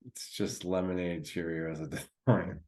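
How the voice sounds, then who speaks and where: A man's voice: low-pitched, steady tone, a little slow, a little mellow. A man co-hosting a podcast in casual chat, laid-back and rambling with many fillers. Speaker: podcast co-host.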